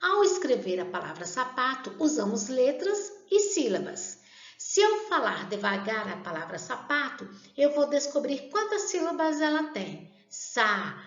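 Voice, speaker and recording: A woman teaching a grammar lesson, speaking slowly and deliberately and drawing out example words. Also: sits high, sing-song. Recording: roomy, dull lo-fi sound.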